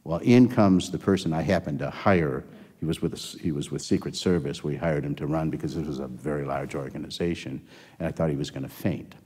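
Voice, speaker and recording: Recorded in a space with long hall reverb, this older man recounts his career for an oral history interview, meandering and restarting often. He speaks fairly quickly in a rumbling low voice that is dark and slightly rough.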